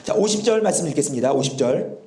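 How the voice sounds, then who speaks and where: A man's voice: fairly high pitch, animated, fast talker, mellow. A male pastor preaching a sermon in a church, explaining and telling the story animatedly, with a sore throat. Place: church sanctuary. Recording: echoey church hall.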